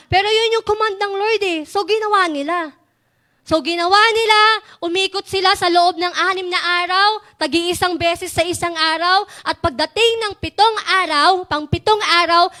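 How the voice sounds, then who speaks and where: A young woman giving a lively youth sermon, asking the crowd questions and laughing often. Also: very high-pitched. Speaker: youth preacher.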